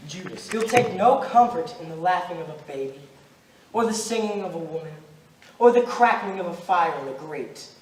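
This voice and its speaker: Animated yet grave, a young man plays Judas, a high-voiced ghostly stranger eighteen centuries old who accuses relentlessly. The amateur stage delivery is solemn, deliberate and declamatory, with an ominous, mournful mood. He is heard distantly through a roomy, noisy recording.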